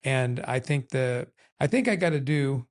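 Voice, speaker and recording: A man's voice: mid-range voice, measured pace. An older man talks things over with his wife on their podcast. He is candid and meandering, and often laughs at himself as he goes. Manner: candid, rambling, self-deprecating. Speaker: podcast co-host. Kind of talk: casual chat.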